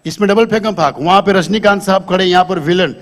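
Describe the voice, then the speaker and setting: A man's voice: sits high, quick pace. A man doing live stand-up comedy on a stage, talking to the audience into a handheld microphone and quizzing them.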